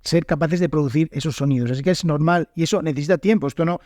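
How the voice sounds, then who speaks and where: Man, northern Spanish accent, podcast host and language teacher, fairly high voice, unscripted, lots of fillers and restarts, dry close sound. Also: quick pace, warm tone, no room sound. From northern Spain. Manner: unscripted, thoughtful, frequent fillers and self-corrections. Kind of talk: solo podcast monologue.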